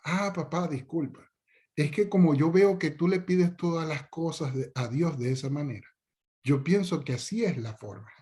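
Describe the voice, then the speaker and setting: A man's voice: a little high, moderate pace, mellow, natural voice. A man voicing a young boy who begs his father in an overly reverent, sing-song way. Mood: sheepish. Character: young boy, fawning and pleading to his dad.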